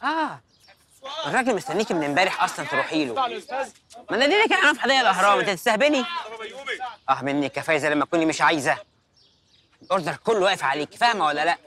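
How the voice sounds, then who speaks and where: An actor playing a pushy production assistant, nagging and scolding, with an Egyptian accent. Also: male voice, sits high, very animated, very fast, pauses often, a crowd in the background. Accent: Egyptian Arabic.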